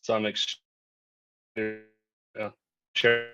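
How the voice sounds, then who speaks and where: A man's voice: lowish voice, completely flat delivery, very slow, pushed and bright, smooth. A man hosting an online business call, his audio choppy and cutting out on a bad connection. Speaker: meeting host. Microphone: video call. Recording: dull lo-fi video call audio.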